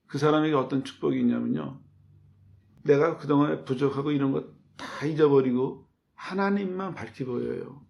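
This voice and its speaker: Gravelly-voiced male preacher, talky sermon. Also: mid-range voice, a little mellow. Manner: conversational preaching with rhetorical questions; acts out quoted voices in his telling. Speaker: pastor.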